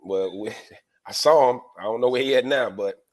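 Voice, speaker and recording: A man's voice: medium pitch, normal speed. A man co-hosting a podcast, chatting loosely and informally with his friends. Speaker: podcast co-host. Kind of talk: casual chat among friends.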